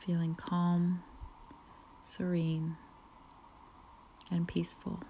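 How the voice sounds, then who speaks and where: A woman leading a guided relaxation meditation, speaking softly with frequent whispered phrases and long pauses. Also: lowish voice, monotone, gravelly, slight background noise. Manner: slow, soft, partly whispered, soothing pauses.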